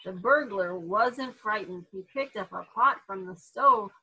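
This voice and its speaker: A woman reading a children's storybook aloud with animated delivery, putting on voices for the characters. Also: medium pitch, measured pace, breathy edge, poor audio. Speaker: therapy dog handler reading to kids.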